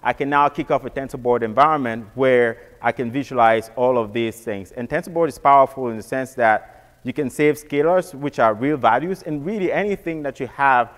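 A man's voice: mid-range voice, normal speed. Man explaining tech, with hall reverb. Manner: casual, repeats words and restarts often. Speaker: presenter. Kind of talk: technical walkthrough.

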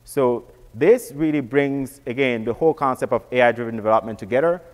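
A man's voice: mid-range voice, brisk, a little mellow, long reverb tail. A man giving a casual technical walkthrough, often repeating words and restarting phrases. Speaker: presenter.

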